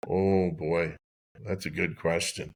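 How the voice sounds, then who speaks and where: A man's voice: low voice, little pitch movement, slow, a little hiss or hum. A man in his sixties, a guest on a podcast, telling a long rambling anecdote with lots of restarts. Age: 60s. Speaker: guest, golf club designer. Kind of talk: conversational storytelling.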